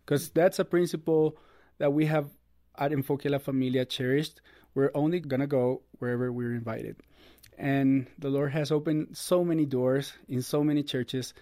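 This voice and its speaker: A man's voice: mid-range voice, fairly even intonation, moderate pace, mellow, no room sound, studio quality. A man, telling his story as an interview guest in an earnest, upbeat way. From Costa Rica. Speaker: guest, ministry producer. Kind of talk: casual interview.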